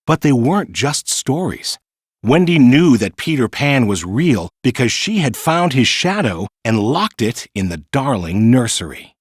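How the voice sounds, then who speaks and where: In a dry recording with no room sound, a man narrates a children's story at a measured pace. His mid-pitched voice moves through wide, lively intonation, and his read-aloud delivery is expressive and clearly paced for young listeners.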